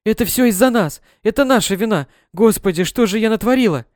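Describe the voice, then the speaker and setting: A man voicing a distraught young mother, frantic and shouting, in a storybook. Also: sits high, lively intonation, fairly quick, no echo, studio quality, voice pushed up.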